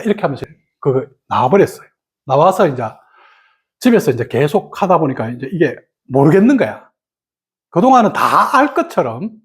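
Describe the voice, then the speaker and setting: A meditation teacher telling a story in a dharma talk, animated and full of fillers. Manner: animated storytelling, many fillers, sudden pitch leaps.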